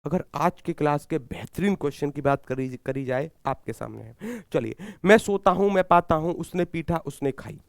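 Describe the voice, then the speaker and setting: A man with a Haryanvi accent leads a live exam-prep class in a fairly high, clean voice. He fires questions at his students and answers them himself, repeating each key term. His throat is a little sore, and the sound is dry and close. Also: animated, moderate pace, vocal fry, few pauses, no echo. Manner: repeats key words, calls himself guruji. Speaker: Hindi exam teacher.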